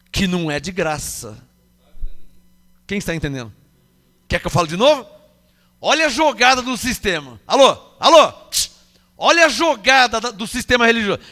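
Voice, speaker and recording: A man's voice: extremely high pitch, pushed and bright, in a large hall. A man with a Brazilian Portuguese accent preaching a sermon, emphatic, questioning the congregation and acting out quoted voices. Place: church hall.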